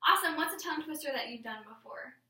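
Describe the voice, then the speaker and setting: Bright, high-voiced woman teaching class. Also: expressive, fast talker. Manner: patient, explaining step by step. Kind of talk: classroom lesson. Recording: roomy classroom, mic far off.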